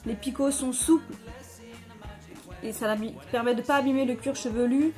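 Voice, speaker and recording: Woman, beauty vlogger, slightly high voice, rambling and casual, lots of fillers, soft music under it. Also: steady tone, normal speed. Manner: chatty, many fillers and restarts. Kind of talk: casual product review vlog.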